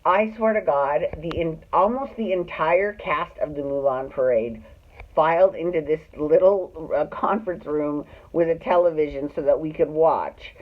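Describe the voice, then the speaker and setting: With medium pitch at a moderate pace, a middle-aged Glendale, California storyteller with a Californian accent hosts a show of casual personal anecdotes to camera, dishing catty, dramatic, sweary commentary and voicing other people's lines. Muffled narrow-band audio gives it a phone-like quality.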